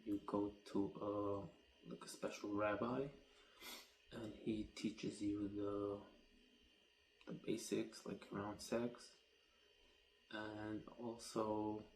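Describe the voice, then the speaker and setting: Young guy explaining stuff slow and halting, low steady voice, echoey room with ambient noise in the background. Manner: halting, matter-of-fact, with long pauses between phrases. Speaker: vlogger explaining his community's customs. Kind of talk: casual explainer monologue. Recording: roomy echo with clear background ambience.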